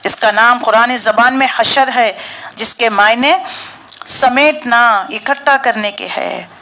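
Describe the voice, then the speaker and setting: Animated woman teaching Quran tafsir. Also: a little high, slow. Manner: animated storytelling with rhetorical questions.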